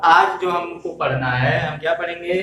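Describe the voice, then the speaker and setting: A man teaching a lesson to young children, speaking slowly, repeating himself and asking questions that he answers himself. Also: fairly high pitch, bright, forceful tone, a little hiss or hum. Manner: slow, repetitive, asks questions and answers them himself. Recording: echoey room, voice from far off.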